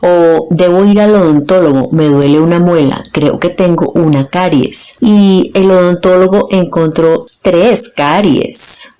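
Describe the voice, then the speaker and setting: A woman from Colombia, teaching a grammar lesson and slowly breaking words into their parts. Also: fairly low pitch, mellow. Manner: slow, deliberate, splits words into their parts. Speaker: Spanish teacher.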